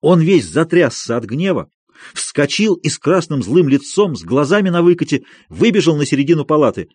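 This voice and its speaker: A man narrating a classic novel as an audiobook reader, expressive and measured. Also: fairly high pitch, slightly rough, no room sound. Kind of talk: scripted literary narration.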